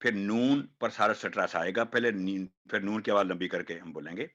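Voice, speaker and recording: A man teaching Quran recitation, demonstrating hard words slowly and repeating each one. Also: fairly low pitch, a bit bright, lo-fi sound. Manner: slow, drawn-out demonstration of each word, repeated. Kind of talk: online pronunciation class.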